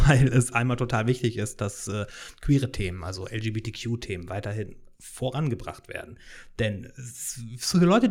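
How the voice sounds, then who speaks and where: A podcast host in his thirties from Hannover, Germany, talks freely in a casual monologue at a medium pitch with a darkish tone. He rambles, restarts his sentences, and fills pauses with many small hesitations.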